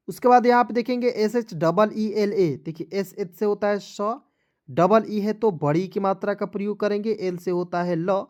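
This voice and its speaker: Man slowly spelling out words as teacher. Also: high voice, darkish tone. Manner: spells out letters slowly, often checks if viewers understand. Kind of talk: online spelling lesson.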